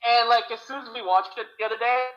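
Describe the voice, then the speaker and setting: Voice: mid-range voice, quick pace, dull audio. A young podcast co-host chatting casually, with slang and swearing. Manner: slangy, profane, lively. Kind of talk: casual chat.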